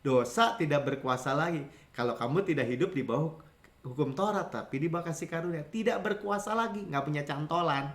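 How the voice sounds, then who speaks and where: High-voiced animated Indonesian pastor preaching. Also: male voice, fairly quick, echoey room. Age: 50s. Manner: animated storytelling, acting out quoted voices, frequent chuckles. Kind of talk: lively conversational sermon. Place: church sanctuary.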